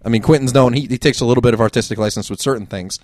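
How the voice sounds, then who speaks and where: A man's voice: mid-range voice, racing, a little mellow, no room sound. Blunt, swearing man in casual chat. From New Jersey. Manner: blunt, swears freely, jokes around. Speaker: podcast co-host.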